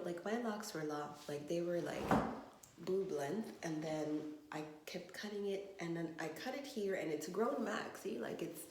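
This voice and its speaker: Woman, low voice, vocal fry, frustrated rambling vlog, echoey bathroom phone recording. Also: a little mellow, slight background noise. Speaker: vlogger. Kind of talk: casual vlog monologue. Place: home bathroom. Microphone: phone camera.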